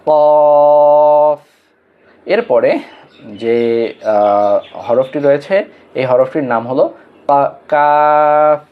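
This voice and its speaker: A man's voice: mid-range voice, highs cut off. A man teaching Arabic letters in a Quran lesson with a Bangladeshi Bengali accent, explaining patiently step by step and stretching out each letter name for students to repeat.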